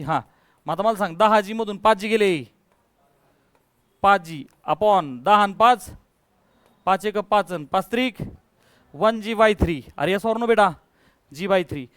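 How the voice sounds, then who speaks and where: Male physics teacher, high voice, smooth and dry, pushes the class for answers. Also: dry recording. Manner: coaxing, calls students to answer louder. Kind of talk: classroom lecture.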